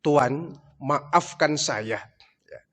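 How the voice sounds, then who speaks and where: A man's voice: fairly high pitch, extremely slow, fairly bright tone. A preacher voicing a steadfast woman of faith. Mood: defiant. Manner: firm, declaring, unafraid. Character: steadfast devout woman servant, defiant, calm. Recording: long hall reverb.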